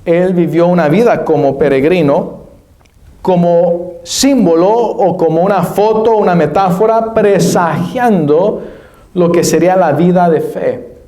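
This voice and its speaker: A man preaching a sermon as pastor, explaining scripture slowly and spelling out names and words. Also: high voice, dark tone. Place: church. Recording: echoey church room.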